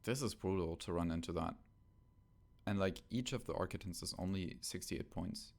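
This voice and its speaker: A man with a low, gravelly voice talks casually about a tabletop game, full of ums and hesitations as he thinks aloud. His deep tone is rough with fry, and the home recording is rough. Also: normal speed. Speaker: podcast co-host.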